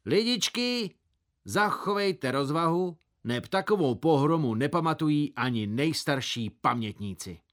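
A man voicing a village boy who plays a pompous farmer, speaking in a put-on low voice. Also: lively intonation, fairly bright tone. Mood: solemn.

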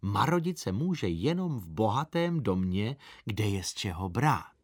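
A man voicing a stingy, nagging middle-aged aunt in a very thin, high, scolding voice for a storybook reading. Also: very animated, a little mellow, no room sound, studio quality. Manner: scolding and preachy.

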